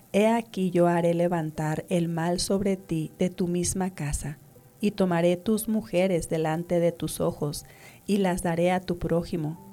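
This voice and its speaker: A woman reading scripture aloud in a measured, even way. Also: fairly low pitch. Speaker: scripture reader.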